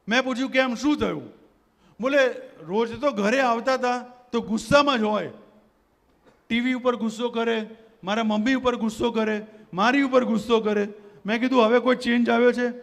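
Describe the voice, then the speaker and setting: Motivational speaker guy, really high voice, gets the crowd to shout stuff back, long hall reverb. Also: gravelly. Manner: rousing, leads the audience in call-and-response. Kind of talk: motivational stage talk. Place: community gathering hall.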